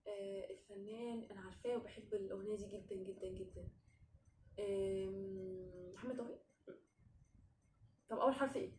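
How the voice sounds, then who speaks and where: A woman's voice: medium pitch, fairly even intonation, a little fast, long pauses, darkish tone. A woman with an Egyptian Arabic accent, bantering competitively in a casual quiz game with a friend. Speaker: singing challenge contestant and questioner. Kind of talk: playful casual quiz chat. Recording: echoey room, faint background noise.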